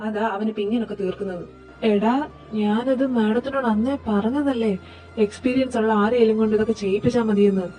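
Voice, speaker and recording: A woman performing every role in a fan audio drama, in a lively, teasing and quarrelsome way. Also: fairly high pitch, fairly quick, faint music behind. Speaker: voice actor reading all parts.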